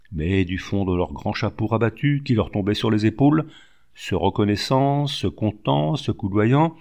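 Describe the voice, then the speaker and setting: A man with a fairly low voice narrates a classic novel in a measured, expressive audiobook reading. He takes his time, lifting his voice for quoted speech. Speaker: audiobook reader.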